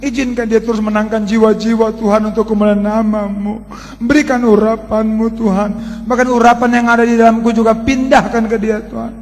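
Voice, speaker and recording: Brief: a man doing a tender, devout wife praying, slightly higher, soft and pleading, in a reverberant hall. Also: little pitch movement, brisk. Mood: tender prayer.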